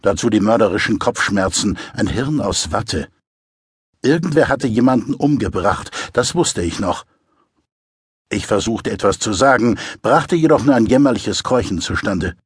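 Male narrator, first-person crime audiobook, measured and wry, husky voice, dry close sound. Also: lowish voice, lively intonation, no echo. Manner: measured, dryly wry storytelling.

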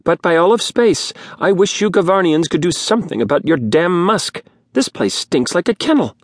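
Man putting on a high, rasping whiny man. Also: expressive, normal speed, no echo, studio quality. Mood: snappish. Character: prickly human man with a whine.

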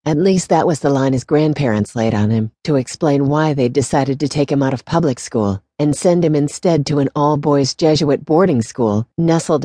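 A woman with a low, mellow voice reads a novel aloud in a steady, measured way. The sound is close and completely dry, like a studio audiobook. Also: dry recording. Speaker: audiobook narrator. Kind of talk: scripted narration.

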